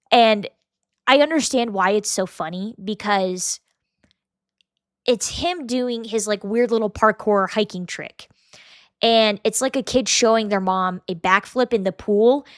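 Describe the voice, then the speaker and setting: A young woman hosts a podcast in a casual, blunt style, swearing freely and breaking into short mocking impressions. Her voice sits at a middle pitch. The sound is dry and close, with no room echo. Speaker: podcast host. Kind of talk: casual commentary.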